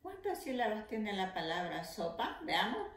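A woman teacher leading an early reading lesson for young children, slowly sounding out letters and syllables. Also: medium pitch, big pitch swings, a little hiss or hum. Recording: echoey room.

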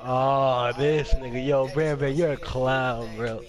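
A man in a game party chatting casually, throwing in quick mocking remarks. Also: mid-range voice, fairly even intonation, music in the background. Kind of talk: casual gaming chat.

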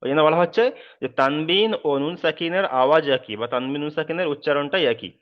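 On a dull, muffled recording of an online lesson, a man with a slightly high voice teaches Quran reading. He spells out Arabic letters, chanting their sounds slowly in a sing-song way before moving into a faster explanation.

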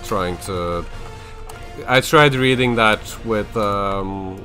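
Young Norwegian male streamer, low bright voice, rambling casual chat, faint music and typing behind. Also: drawn-out words. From Norway. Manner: rambling, thinking aloud with many fillers and restarts. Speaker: YouTuber streaming a building game. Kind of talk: casual live-stream chat while building.

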